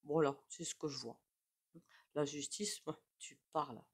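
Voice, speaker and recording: A woman's voice: deep voice, unhurried, darkish tone, breathy edge. A woman with a regional French accent giving a casual, rambling tarot reading to her viewers, with frequent "hein" asides. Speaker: tarot reader.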